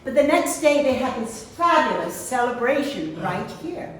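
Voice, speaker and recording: A woman's voice: on the high side, sing-song, moderate pace, a bit bright, recorded from a distance, slight background noise. A woman who is a guest performer, telling a chatty anecdote as a toast at a party. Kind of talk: casual storytelling toast. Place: event venue hall. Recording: very echoey hall.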